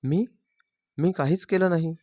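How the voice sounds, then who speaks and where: A man voicing a young bride wrongly accused of theft, speaking quietly and firmly in a dry recording. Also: mid-range voice, normal speed, no room sound, natural voice. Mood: frightened. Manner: quiet, firm, composed.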